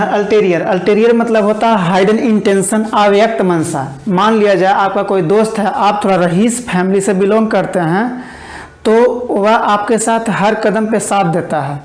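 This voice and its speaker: A woman teaching English vocabulary in an online exam-prep lesson, explaining each word and then dictating it slowly with repetitions. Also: medium pitch, darkish tone, roomy sound.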